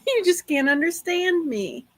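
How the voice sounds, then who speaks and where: A woman's voice: very high-pitched, expressive, slow pace, fairly bright tone. A woman with a hillbilly accent that mixes Ozarks and Wisconsin, chatting casually as a livestream co-host. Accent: hillbilly mix of Ozarks and Wisconsin. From Ozarks and Wisconsin, United States.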